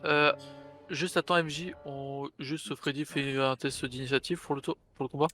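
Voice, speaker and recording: A man's voice: fairly high pitch, fairly even intonation, normal speed, sharp tone, faint music behind. A man playing a tabletop role-playing game, casually calling out his actions to the game master.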